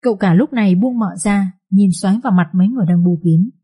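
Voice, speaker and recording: A woman narrating a family drama story in a lively, colloquial storytelling manner. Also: medium pitch, fast talker, slightly rough.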